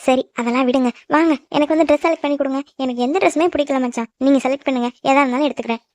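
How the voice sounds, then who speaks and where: A woman's voice: high voice, fairly even intonation, racing, a little mellow, no room sound, studio quality. A woman with a Tamil accent voicing cartoon characters, scolding and teasing. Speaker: voice actor in a cartoon. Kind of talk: animated cartoon dub acting.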